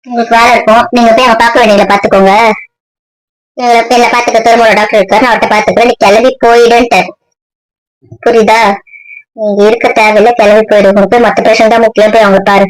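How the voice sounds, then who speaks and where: A woman's voice: fairly high pitch, flat delivery, quick pace, natural voice, poor audio. A woman playing a sick, resentful middle-aged mother who scolds bitterly in a scripted comedy skit.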